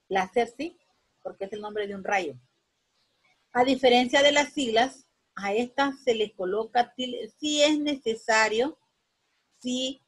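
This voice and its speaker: A woman's voice: on the high side, slightly rough. A woman teacher giving a spoken grammar lesson, rambling with many restarts and a constant "right?" tag.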